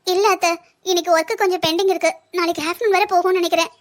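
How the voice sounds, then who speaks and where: A woman voicing a polite, soft-spoken young newlywed bride in a cartoon family story. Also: very high-pitched, steady tone, rapid-fire. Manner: polite, respectful.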